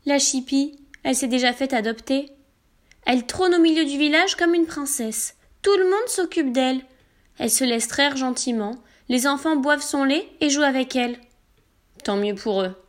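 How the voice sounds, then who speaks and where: A woman with a high voice tells a children's story in the first person. She reads animatedly and acts out each turn of feeling. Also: normal speed. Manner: animated, acts out emotions as a girl.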